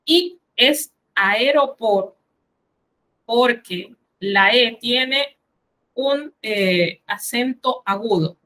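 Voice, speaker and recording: Slow, bright-voiced woman teaching French. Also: mid-range voice, poor audio. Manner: says each French word slowly, then translates it; patient, instructive explanations. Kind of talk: recorded vocabulary lesson.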